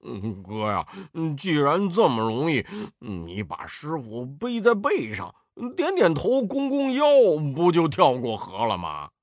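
A man's voice: fairly high pitch, huge pitch swings, measured pace, hardly any pauses, no echo, studio quality, full character voice. A man voicing a boastful, clumsy male pig-demon disciple in a storybook, with grunting hesitations. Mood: wheedling. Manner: grunting "嗯" hesitations, whiny big-brother pleading. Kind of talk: storybook character voice.

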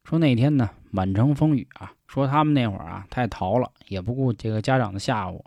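A man's voice: medium pitch, a little fast, creaky, darkish tone, dry recording, muffled recording. A man telling a ghost story in a casual, chatty way, often turning to listeners with folksy asides.

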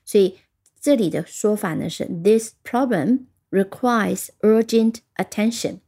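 A woman with a mother tongue teaches English vocabulary in a recorded lesson. Her voice is warm and mellow, in a middle pitch range. She slows down to spell out words letter by letter and repeat example sentences. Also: lively intonation.

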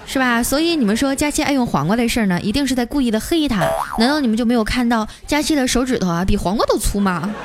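A woman's voice: fairly high pitch, expressive, quick pace, hardly any pauses, slight background noise. A woman with a Northeastern Chinese accent hosting a podcast, reading listener comments and teasing back in a playful way, often laughing as she talks. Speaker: podcast host. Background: background music.

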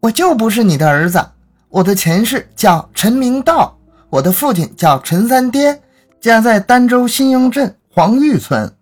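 A man's voice: sits high, very animated, normal speed, husky, faint music behind, voice pushed up, exaggerated voice. A man voicing a defiant young boy who insists on his past life, speaking indignantly.

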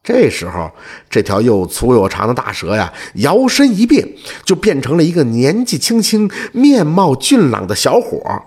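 A man telling a folk tale in a lively, animated way. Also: medium pitch, moderate pace, slightly rough. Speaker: storyteller.

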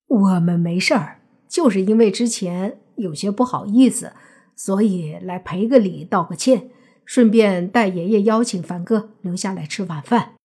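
A woman voicing a fawning young man who flatters in a bright, ingratiating way, husky-toned. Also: mid-range voice, moderate pace.

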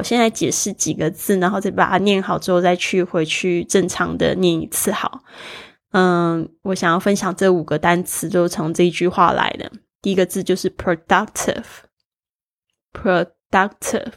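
A woman's voice: on the low side, gravelly. A native Mandarin-speaking woman gives a casual English vocabulary lesson. She spells words out letter by letter and points out where the stress falls. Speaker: English teacher.

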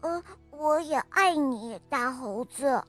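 A woman voicing a small young male monkey in a children's story, with a high childlike, pouty voice. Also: slow, fairly bright tone, faint music behind. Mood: sweet.

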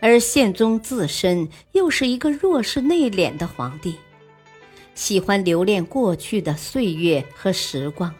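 A woman narrating a scripted history story in a measured, expressive reading. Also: medium pitch, slightly rough. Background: faint music.

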